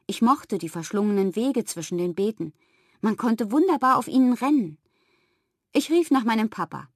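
A woman reads a first-person children's story aloud with lively, expressive pitch that rises and falls with the scenes. Her voice sits at an ordinary middle height. The recording is dry and close. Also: moderate pace, no room sound. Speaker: audiobook reader.

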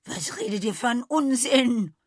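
A woman voicing an excitable, bossy goat lady who talks in a shrill, shrieking way. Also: moderate pace, dry recording, clean studio sound. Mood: gushing.

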